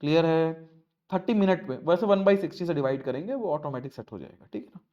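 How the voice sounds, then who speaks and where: Male maths teacher, high voice, coaxing, asks questions, dull lo-fi sound. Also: quick pace, dark tone. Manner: coaxing, asks students questions, repeats points. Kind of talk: classroom lesson explanation.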